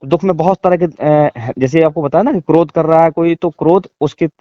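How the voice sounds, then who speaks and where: A man's voice: fairly high pitch, brisk, no room sound, dull audio. A man, a guest in a casual conversation, describing things in a searching, repetitive way over a video call. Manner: searching, repetitive, thinking aloud.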